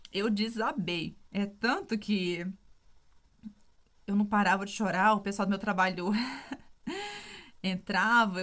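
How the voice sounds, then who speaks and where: A woman in her thirties telling a personal story in an emotional, casual way, often apologizing for her feelings. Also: mid-range voice. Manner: emotional, tearful at times, with many fillers. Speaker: vlogger sharing her testimony.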